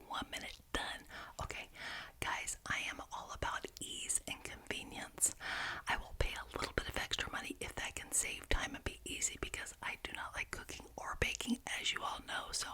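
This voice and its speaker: Female ASMR creator, fully whispered and breathy, enthusiastic rambling delivery with very animated inflection. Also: extremely high pitch. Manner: enthusiastic, repetitive rambling with gentle emphasis.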